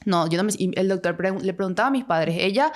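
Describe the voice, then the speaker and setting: A young woman, telling her own story as a podcast guest and acting out the voices in it. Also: lowish voice. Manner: fast, emotional retelling, acts out her own past voice. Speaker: guest sharing testimony. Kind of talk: personal story in a podcast conversation.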